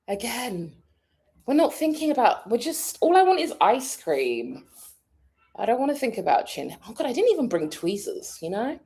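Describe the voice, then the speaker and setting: A British woman vlogging in a casual, rambling way, thinking out loud and laughing often. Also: on the high side, big pitch swings, unhurried, long pauses. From Britain. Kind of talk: casual vlog chat.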